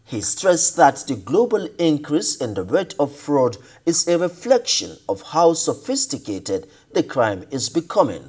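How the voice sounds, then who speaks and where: A man with a Nigerian English accent reading a scripted news report in a measured, formal way. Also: a little high, big pitch swings, darkish tone, breathy edge.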